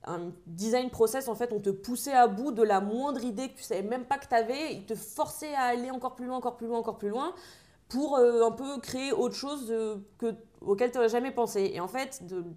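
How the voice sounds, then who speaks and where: A young woman from Paris, a designer, chatting in an interview and telling animated stories full of fillers and acted-out lines. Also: a little high, fairly quick. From Paris, France. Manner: lively storyteller, acts out others' lines, many fillers. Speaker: designer guest. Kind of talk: casual interview chat.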